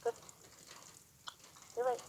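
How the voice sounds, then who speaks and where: A woman teaching horsemanship, talking softly and soothingly to a horse while coaching a student. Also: slow, poor audio. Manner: soothing and gentle. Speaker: horsemanship instructor. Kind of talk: hands-on coaching lesson.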